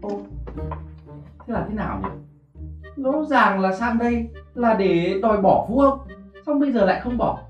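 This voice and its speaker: A woman's voice: mid-range voice, animated, normal speed, long pauses, highs cut off, natural voice. A woman playing a cheeky, nosy young male servant in a slapstick comedy film, polite with sly asides. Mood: puzzled musing. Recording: echoey room with music underneath.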